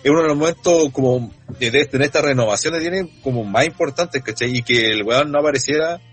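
A man's voice: mid-range voice, fast talker, husky, soft background music. A man with a Chilean accent telling a story in casual podcast chat, slangy and rambling with restarts. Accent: Chilean Spanish. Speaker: podcast co-host. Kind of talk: casual chat about wrestling.

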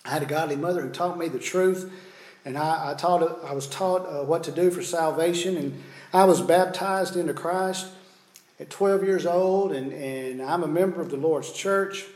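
A man's voice: a little high, normal speed, darkish tone, close to an everyday voice. A man preaching voices a churchgoing man who talks up his own good standing, with small stumbles. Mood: self-assured. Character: self-assured churchgoing man reassuring himself. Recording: roomy echo.

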